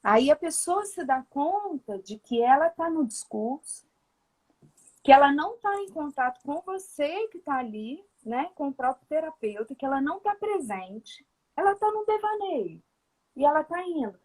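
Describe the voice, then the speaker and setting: A woman's voice: high-pitched, very animated, normal speed, darkish tone. A woman, a Gestalt therapist, taking part in a live online discussion over a video call and building on her colleague's points. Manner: agreeing, building on the other's points.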